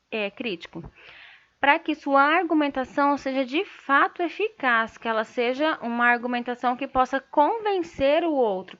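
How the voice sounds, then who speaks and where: A Brazilian woman with a Brazilian Portuguese accent teaching a writing lesson, explaining step by step and checking in with quick tag questions. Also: high-pitched, a bit bright. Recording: dull lo-fi sound.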